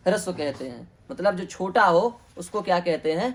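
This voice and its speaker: A man's voice: high-pitched, lively intonation, normal speed. A man teaching a Sanskrit grammar lesson, asking questions and answering them himself, repeating each term.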